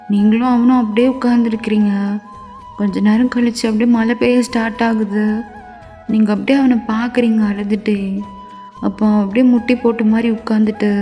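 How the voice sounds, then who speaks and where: Woman narrator for a second-person fan story, intimate, warm gravelly tone, long reverb, music underneath. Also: fairly high pitch. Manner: intimate, addresses the listener as you.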